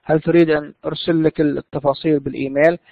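A man's voice: a little high, flat delivery, very fast, vocal fry, no echo. A man teaching an English lesson, explaining in with frequent fillers. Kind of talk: bilingual classroom lesson. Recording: tinny phone-like dry sound.

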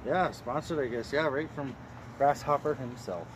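A man's voice: mid-range voice, moderate pace. Guy talking through a bandana. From Canada. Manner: laid-back, joking, upbeat. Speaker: co-host of a product review channel. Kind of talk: casual chat. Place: outdoors on a work lunch break. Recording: noisy outdoor street recording. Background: outdoor street noise with passing vehicles.

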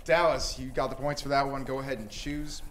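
A man's voice: mid-range voice, steady tone, a little fast, a loud crowd. A man hosting a casual Christmas quiz game, upbeat and laughing often as he reads the questions. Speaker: host.

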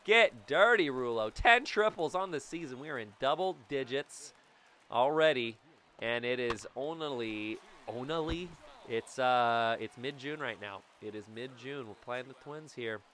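A man in his thirties offers measured-paced but excitable and jokey commentary on baseball gameplay for YouTube, with sudden loud yells. There's a slight hiss or hum on the recording, made with a boom studio mic in a small room at home and webcam framing.

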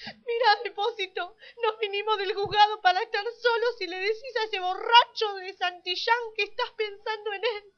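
Woman playing a shrill, jealous Argentine lawyer. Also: steady tone, moderate pace, dull audio. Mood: tearful. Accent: Argentine Rioplatense Spanish. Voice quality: weepy, shrill and melodramatic. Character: jealous, volatile young woman lawyer in love. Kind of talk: amateur parody radio-style drama.

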